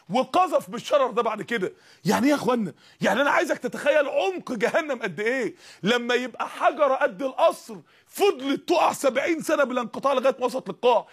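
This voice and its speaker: A man with an Egyptian Arabic accent preaching a fiery sermon, firing rhetorical questions and rising to shouts. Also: very high-pitched.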